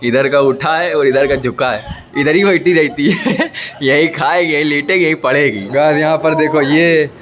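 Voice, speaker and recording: Speaking a little slowly in a slightly high, somewhat bright voice, a young family vlogger chats to his phone camera at home. He's casual and teasing, regularly calling out to the people watching.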